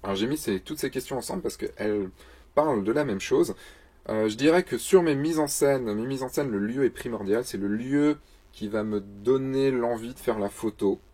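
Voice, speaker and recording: A man's voice: mid-range voice, normal speed, dark tone, husky. A man, a photographer and the show's host, answers viewer questions in a casual vlog, joking and mocking himself in a loose, chatty way.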